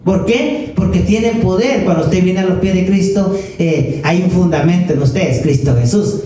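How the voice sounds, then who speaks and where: A male pastor preaching a sermon in a church, stretching key words slowly and asking the congregation rhetorical questions. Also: a little high, mellow. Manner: preaching with slow emphatic stresses and rhetorical questions. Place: church sanctuary. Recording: echoey room, mic at a distance, faint ambience.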